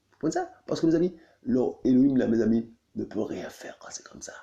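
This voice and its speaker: A man's voice: creaky, dark tone. A man preaching a sermon in a repetitive, insistent way, who keeps calling out to his listeners and asks whether they follow. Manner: repetitive, constantly saying "my friends" and asking "you see?"; pitch leaps high on questions. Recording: dull lo-fi recording.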